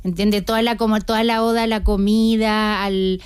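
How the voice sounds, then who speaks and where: A woman's voice: mid-range voice, little pitch movement, normal speed, clear, resonant tone, no room sound. Woman in her sixties, chatty. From Chile. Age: older. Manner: chatty, storytelling with many restarts. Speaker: guest. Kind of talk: radio interview.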